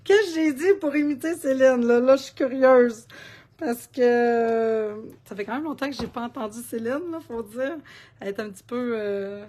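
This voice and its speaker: A woman's voice: on the high side, darkish tone. A woman with a Québécois accent hosting a live card-making demo, chatting in a rambling, talkative way and laughing often. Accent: Québécois French.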